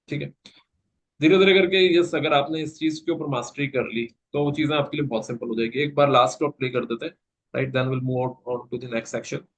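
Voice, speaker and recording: Slow-talking Indian trainer, man. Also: mid-range voice, low-quality recording. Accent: Indian English. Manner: mixes Hindi and English, patient explaining. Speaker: placement trainer. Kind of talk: online class teaching.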